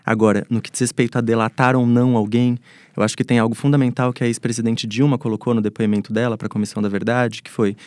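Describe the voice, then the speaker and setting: A Brazilian man appears as an expert guest on a panel interview, offering reflective, articulate explanations and building his argument one step at a time. His voice is medium-pitched and slightly mellow, with no room sound.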